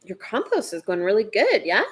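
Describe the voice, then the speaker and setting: A chatty woman co-hosts a cooking show from a home kitchen and chimes in with quick tips. Her voice is lively and moves a lot in pitch. There is faint noise under her voice. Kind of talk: casual live cooking chat.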